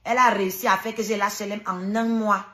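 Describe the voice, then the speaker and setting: A woman's voice: medium pitch, steady tone, quick pace, fairly bright tone. A woman hosting a heated livestream rant, combative and sarcastic, hammering her points home by repeating them. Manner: emphatic repetition. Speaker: online live streamer.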